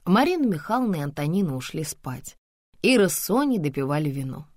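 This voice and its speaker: A woman reading an audiobook in plain, even storytelling. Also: sits low, fairly quick, dry recording, clean studio sound. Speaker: narrator. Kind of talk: audiobook narration.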